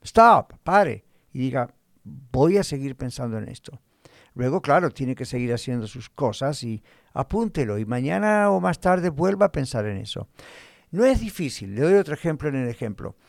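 A man's voice: mid-range voice, very animated, normal speed, gravelly, darkish tone, no room sound. Earnest man preaching in a dry room. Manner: earnest, repetitive, addresses listener directly; uses homely everyday examples. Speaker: pastor. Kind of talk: teaching sermon.

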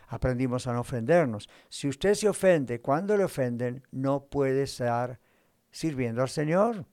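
A man's voice: mid-range voice, a little mellow, no room sound. A man preaching as a pastor, putting questions to his listeners and answering them himself. His voice sits in a middle register and is recorded dry and close, with no room sound. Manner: preaching with rhetorical questions and acted quotes. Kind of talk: sermon.

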